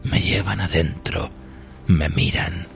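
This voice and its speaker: A man reciting a dark poem as an ancient, weary, ravenous cursed treasure of the sea, slow and solemn, at times hushed. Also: low-pitched, steady tone, gravelly, full character voice. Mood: brooding. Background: music.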